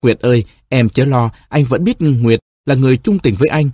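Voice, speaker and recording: A man's voice: medium pitch, moderate pace, darkish tone, husky, no room sound, clean studio sound, lightly acted. A man doing a fickle young lover. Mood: placating. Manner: placating, reassuring.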